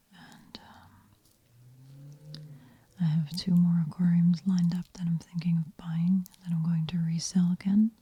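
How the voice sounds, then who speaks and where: A woman hosts soft-spoken ASMR in a hushed voice that is very breathy and whispery. She talks slowly in a gentle murmur, with a fairly low pitch. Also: no room sound, highs cut off. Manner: slow, unhurried, gentle murmur. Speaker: ASMR host.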